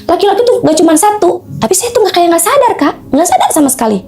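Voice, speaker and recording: A woman recounts a true ghost story to an interviewer in an animated, emotional flow, often turning to address her listener directly. Her voice sits high with a gravelly edge. Faint music plays behind her. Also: quick pace. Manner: emotional, tells of distress at length.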